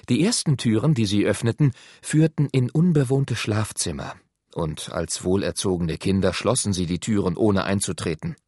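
A man tells a children's story in a husky voice, with lively, rising and falling pitch. The recording is close and dry, as from a studio mic. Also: no echo. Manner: expressive storytelling. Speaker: audiobook narrator. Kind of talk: scripted narration.

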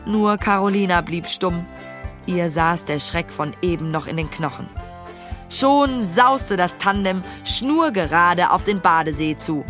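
A woman narrating a children's storybook in an expressive storytelling manner. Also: on the low side, measured pace, soft background music. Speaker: audiobook narrator.

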